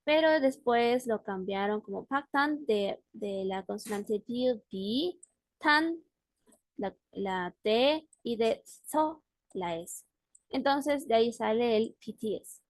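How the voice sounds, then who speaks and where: A woman's voice: a little high, animated, slow, dry recording. Patient woman teaching on a video call. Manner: patient, checks in often with the student. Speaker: language teacher. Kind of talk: online class.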